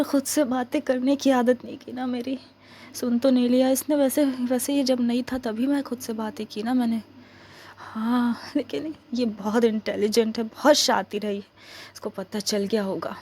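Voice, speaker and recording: In an ASMR role-play, a female performer voices a young woman stranded behind enemy lines, grumbling to herself and pleading with stammers. Her voice is high with a dark tone.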